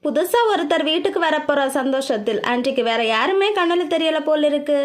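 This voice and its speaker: A woman's voice: high voice, expressive, brisk. A woman voicing a playful young man who teases his friends in an audiobook. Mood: teasing. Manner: mocking, joking.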